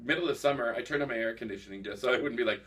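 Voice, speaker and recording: A man's voice: medium pitch, racing, fairly bright tone, far from the mic. Playful male host, a bit off-mic. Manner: playful, teasing, laughs often. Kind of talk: casual chat.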